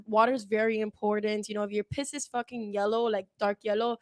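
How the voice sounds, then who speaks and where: Fast-talking frank young woman. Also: mid-range voice, no room sound, studio quality. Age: 20s. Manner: frank, fast and animated, swears freely. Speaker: guest. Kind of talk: casual podcast chat.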